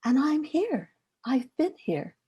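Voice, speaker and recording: An older woman poet on a panel, speaking in a thoughtful, measured way. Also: high voice, sing-song, dark tone, lo-fi sound. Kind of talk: reflective panel talk.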